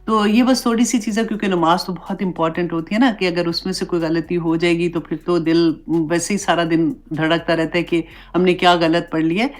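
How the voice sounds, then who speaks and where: Woman teacher with a fairly low voice, explaining religious rules in a relaxed, chatty way. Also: few pauses. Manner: conversational, mixes English words into explanations. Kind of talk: Islamic class lesson.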